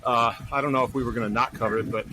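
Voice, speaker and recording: A man co-hosting a casual podcast chat, dry and wry, quick to laugh. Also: mid-range voice, steady tone. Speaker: podcast co-host. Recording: noisy recording.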